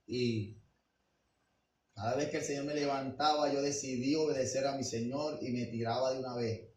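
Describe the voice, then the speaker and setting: Pastor guy preaching, goes quiet then loud, lots of questions, echoey and far from the mic. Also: medium pitch, fairly even intonation, normal speed. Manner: emphatic preaching with rhetorical questions; swings between quiet asides and loud declarations. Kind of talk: sermon. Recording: roomy and distant with faint background noise.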